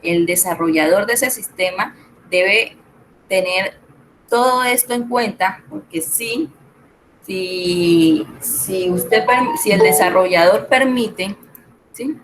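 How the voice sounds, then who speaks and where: A middle-aged woman teaches a spreadsheet class online. She explains patiently step by step and keeps checking that her students follow, at a medium pitch. A faint noise sits under the recording. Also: expressive, slow, low-quality recording. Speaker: Excel tutor.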